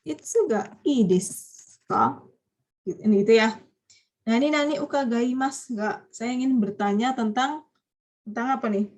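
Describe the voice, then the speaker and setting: A woman's voice: on the high side, measured pace, long pauses, darkish tone. A woman teaching a Japanese vocabulary class online, chatty and quizzing her students. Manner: chatty, quizzing students, frequent light laughs.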